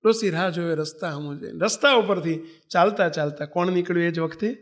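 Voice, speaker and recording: A man's voice: high-pitched, fairly quick. A man from Gujarat giving a storytelling sermon, animatedly acting out the figures in a parable. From Gujarat, India. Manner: animated, voices characters in a parable. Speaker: preacher.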